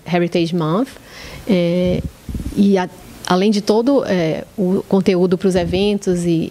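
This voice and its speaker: A woman's voice: fairly low pitch, mellow. A woman in her late thirties with a Brazilian accent, answering conversationally as a podcast guest. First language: Portuguese. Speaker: podcast guest, social media coordinator.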